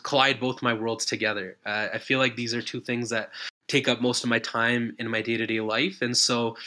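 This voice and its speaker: A young man from Canada with a bright voice and little pitch movement. He explains things informally as a guest speaker, in a casual style full of conversational fillers. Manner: casual, filler-heavy, frequent "you know" and "like". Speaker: guest speaker, community health specialist.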